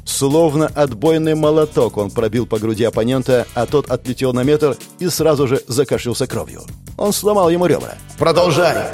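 A man's voice: medium pitch, lively intonation, brisk, darkish tone, soft background music. A man giving dramatic, intense narration of a combat fantasy audiobook. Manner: intense, gritty storytelling.

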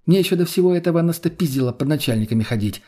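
A man reading an audiobook voices a quick-tempered, foul-mouthed young woman who snaps and swears. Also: low-pitched, lively intonation, warm tone, husky, pitched above the performer's own voice. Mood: grumbling. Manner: snapping, swearing.

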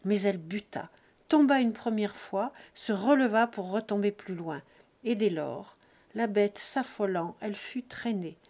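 An audiobook reader, a woman with a mid-range voice, narrates a classic novel. Her phrasing is measured and expressive, delivered in short breath groups.

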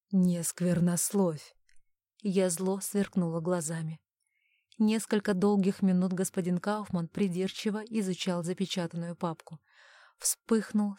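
A woman's voice: fairly low pitch, no echo. Woman narrating an audiobook, dry sound. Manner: steady, measured storytelling. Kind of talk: scripted first-person narration.

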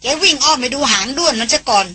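A woman voicing a brash young man who teases loudly in a storybook reading. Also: high-pitched, expressive, quick pace, pitched above the performer's own voice. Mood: teasing.

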